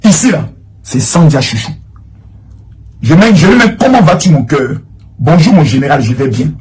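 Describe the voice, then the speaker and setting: A man giving rambling, animated commentary to viewers, repeating himself as he searches for things. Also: on the high side, moderate pace, slightly rough. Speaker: online commentator. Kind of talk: livestream commentary reading chat screenshots.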